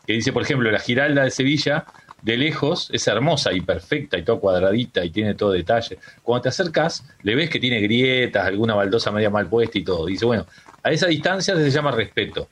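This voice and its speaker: As a radio guest calling in remotely on a home mic, this middle-aged Uruguayan-accented man chats in a relaxed, meandering way and keeps restarting his sentences. His mid-range voice is animated, fairly quick, fairly bright, and slightly rough.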